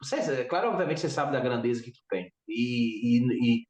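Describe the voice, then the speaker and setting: A man with a Brazilian Portuguese accent hosting a podcast interview, talkative and animated with many fillers. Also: medium pitch, normal speed, roomy sound, far from the mic. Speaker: podcast host.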